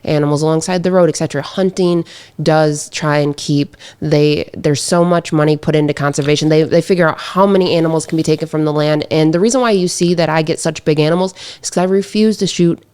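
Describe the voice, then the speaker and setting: A woman's voice: low voice, steady tone, brisk, darkish tone, smooth. A woman who hunts, a podcast guest, speaking earnestly and firmly about her views. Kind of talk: casual chat.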